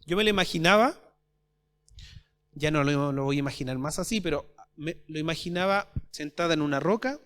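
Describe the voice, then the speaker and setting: A man preaching a sermon as pastor at a church service, asking his congregation rhetorical questions and swinging between loud and soft. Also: on the high side, a little fast. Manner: addresses congregation as brothers.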